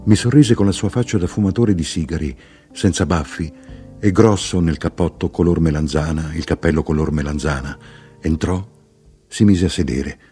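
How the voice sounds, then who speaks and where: A man reading a literary novel aloud in a measured, expressive way. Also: a bass voice. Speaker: audiobook narrator.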